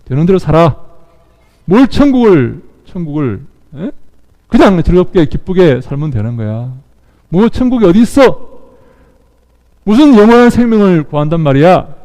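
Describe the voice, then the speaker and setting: A man's voice: fairly high pitch, sing-song, normal speed, mellow, long reverb tail. A male pastor voicing a scornful devil who taunts with sneering questions. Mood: taunting.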